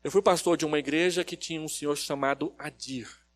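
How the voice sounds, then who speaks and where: A Brazilian-accented pastor preaches at a church service in a fairly high voice. He tells stories and asks the congregation questions. His delivery swings between loud, stressed lines and quiet, low-key phrases. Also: steady tone, a little fast. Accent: Brazilian Portuguese. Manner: storytelling preacher who quizzes the congregation. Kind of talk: expository sermon.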